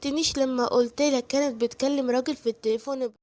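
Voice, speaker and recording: A woman's voice: high voice, fairly even intonation, quick pace, darkish tone, close to an everyday voice. A woman voicing a nagging, scheming older Egyptian mother-in-law who scolds and accuses her son. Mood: furious. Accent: Egyptian Arabic.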